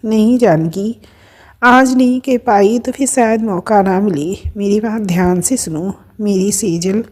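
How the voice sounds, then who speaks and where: A woman voicing a gravely ill mother in an audio story, speaking softly and pleading through tears. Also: medium pitch. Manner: soft, tearful pleading.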